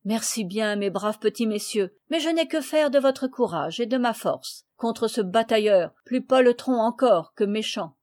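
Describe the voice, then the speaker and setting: Gruff loyal peasant man, blunt and mocking, storybook reading, voiced by a woman. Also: on the high side, expressive, unhurried, few pauses, darkish tone, no room sound, studio quality.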